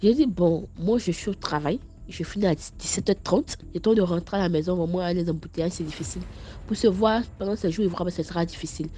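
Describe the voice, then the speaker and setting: A young woman with an Ivorian French accent tells her own story in a casual spoken voice message, stammering and repeating words, animated and scolding. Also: lowish voice, a little fast.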